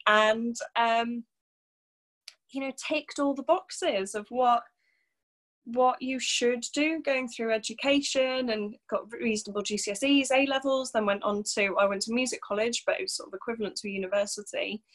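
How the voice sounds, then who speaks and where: Speaking at a moderate pace in a slightly high voice, a North Wales woman in her thirties, who works as a coach, reflects openly during a relaxed podcast interview. Her speech is full of fillers.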